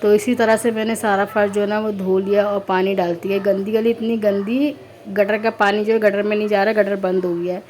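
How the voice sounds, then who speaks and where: A woman in her thirties from Pakistan, narrating her housework in a chatty, repetitive way with many fillers; her throat is hoarse. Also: medium pitch, level tone, brisk, darkish tone, slight background noise. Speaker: vlogger, homemaker. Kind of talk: casual voice-over narration.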